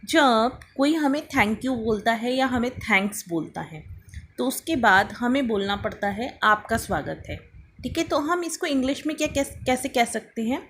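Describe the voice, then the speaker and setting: Woman teacher for a beginner language lesson, slightly high voice, slow patient spelling drills, faint hiss behind. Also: lively intonation, fairly bright tone. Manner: slow, spelled-out drill words, prompting students to repeat. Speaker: English teacher. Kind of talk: beginner English lesson explained in Hindi.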